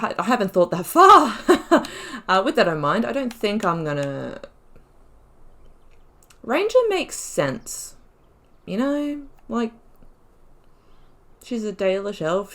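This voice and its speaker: A gaming YouTuber plays through a role-playing game, offering casual, chatty let's play commentary and musing aloud as she goes. Her voice is mid-range and a bit bright.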